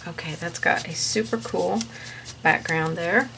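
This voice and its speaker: Relaxed, chatty woman art instructor, low voice. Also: a little slow, creaky, a little hiss or hum. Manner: relaxed, chatty, with many fillers. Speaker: painting instructor. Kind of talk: paint-along tutorial.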